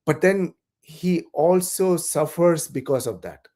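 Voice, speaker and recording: A man from south India, whose first language is Malayalam, speaks as a podcast guest in casual conversation, thoughtful and hesitant with many restarts. His voice is on the high side, animated, slow, and dark in tone.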